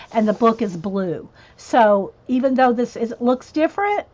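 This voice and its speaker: Coloring on a livestream, a woman with a drawl and a slightly high voice chats casually and rambles, drifting into asides for her viewers. She reads chat messages aloud and answers them, all through a dull, lo-fi sound like a cheap stream mic.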